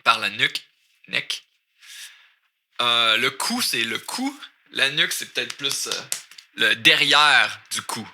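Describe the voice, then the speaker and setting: A man's voice: mid-range voice, lively intonation, pushed and bright, a little hiss or hum. A man with a Québécois accent teaching French, explaining lyrics line by line and switching between French and English. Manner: mixes French and English, repeats words slowly.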